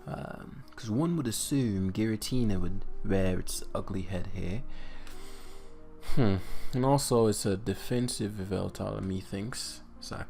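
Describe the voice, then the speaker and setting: A man with a very low, gravelly voice talks through his competitive match as he plays. He thinks aloud in a loose, casual way, muttering and trailing off with plenty of ums. Faint music plays behind him. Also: unhurried, warm tone. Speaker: competitive game player and commentator. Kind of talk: casual live gameplay commentary.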